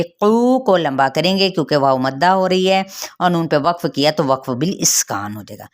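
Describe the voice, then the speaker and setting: Woman teaching Quran recitation rules. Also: fairly low pitch. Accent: Pakistani Urdu. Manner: explains rules step by step, recites verses slowly. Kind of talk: tajweed lesson with recitation.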